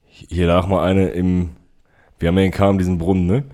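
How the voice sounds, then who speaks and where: A man co-hosting a podcast, telling stories in a slangy, animated casual chat. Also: deep voice, moderate pace. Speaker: podcast co-host.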